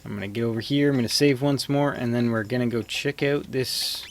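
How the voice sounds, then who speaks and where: A man's voice: mid-range voice, fairly even intonation, fairly quick, a little hiss or hum. A man giving casual, rambling live commentary as he plays a video game, thinking aloud.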